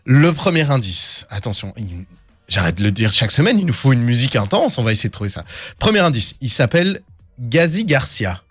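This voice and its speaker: A man's voice: mid-range voice, very animated, a little fast, breathy edge, faint music behind. A man hosting a quiz game on a podcast, playful and teasing, laughing often. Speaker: podcast host. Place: small studio.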